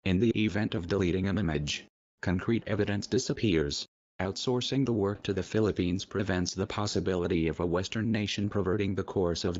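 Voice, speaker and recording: Man with a disguised, deepened voice. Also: highs cut off. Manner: solemn, measured, declamatory. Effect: disguised, artificially deepened voice. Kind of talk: scripted narration of a protest message.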